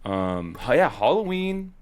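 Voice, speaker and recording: A young man co-hosting a podcast, telling stories in an easygoing, animated way with casual swearing. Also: mid-range voice, unhurried. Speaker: podcast co-host. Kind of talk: casual chat.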